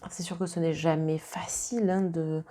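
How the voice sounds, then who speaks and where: A woman's voice: low voice, level tone, normal speed, dark tone. A woman with a Marseille accent giving a casual tarot reading, chatty and reassuring, with many fillers and restarts. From southern France. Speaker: tarot card reader.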